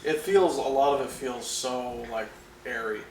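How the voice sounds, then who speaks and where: A man's voice: mid-range voice, a little slow, darkish tone. A man co-hosting a film podcast, chatting eagerly and casually. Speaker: podcast co-host. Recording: roomy, distant mic, faint noise.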